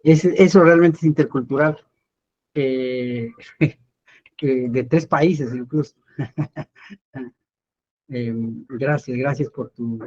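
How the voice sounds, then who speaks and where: A man's voice: medium pitch, darkish tone. Encouraging male instructor, dull audio. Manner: encouraging, many affirming fillers. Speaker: course instructor. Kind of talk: moderating an online class.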